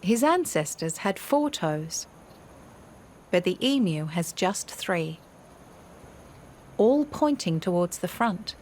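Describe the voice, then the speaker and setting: A woman reads scripted nature documentary narration in a measured, dramatic storytelling manner. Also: fairly low pitch, sing-song, a little mellow, a little hiss or hum. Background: music bed.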